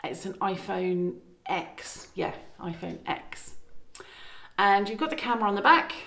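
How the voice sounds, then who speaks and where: Speaking at a measured pace, this middle-aged farmhouse renovator chats to her phone camera at arm's length, rambling and self-correcting. Her medium-pitched voice is gravelly and a bit bright. Slight background noise mixes with the room's echo.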